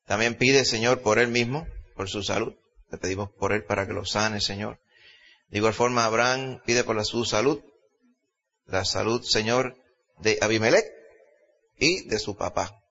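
A man's voice: on the low side, moderate pace, vocal fry, fairly bright tone. A man with a Puerto Rican accent, a pastor preaching and praying aloud in a church service with emphatic delivery and earnest petitions. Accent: Puerto Rican Spanish. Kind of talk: sermon and spoken prayer. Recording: dull lo-fi recording.

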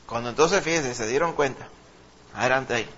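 A man preaching a lively sermon, calling his listeners brother. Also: mid-range voice, fairly quick, lo-fi sound. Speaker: pastor.

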